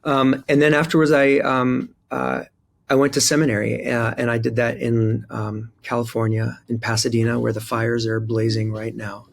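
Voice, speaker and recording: A man in his forties from Israel/Palestine, a priest speaking thoughtfully in an interview with frequent pauses and fillers. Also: mid-range voice, monotone, creaky. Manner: thoughtful, hesitant with many fillers. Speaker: Episcopal priest, guest. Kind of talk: interview conversation.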